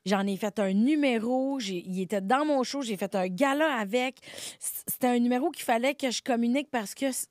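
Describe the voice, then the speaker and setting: A woman's voice: a little high, moderate pace, darkish tone, dry recording, clean studio sound. A middle-aged woman from Quebec with a Québécois accent, chatting in an interview as a guest comedian, laughing often and self-deprecating, with lots of fillers. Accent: Québécois French. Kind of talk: casual interview conversation.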